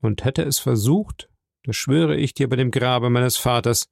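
A man voicing a stern, solemn nobleman who speaks slowly and gravely. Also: mid-range voice, a little mellow, dry recording, clean studio sound. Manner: slow, grave, measured.

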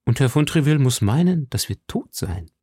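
A man's voice: mid-range voice, fairly quick, breathy edge, dry recording, clean studio sound, pitched above the performer's own voice. Athos, a man voicing a grave musketeer leader. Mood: commanding. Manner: calm, commanding.

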